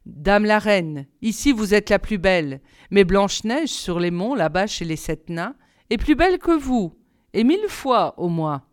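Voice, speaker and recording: A solemn talking mirror, voiced by a woman reading a fairy tale, answering in a slow, measured way. The voice stays smooth and even, close and dry. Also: mid-range voice, dry recording. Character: solemn, truthful magic mirror.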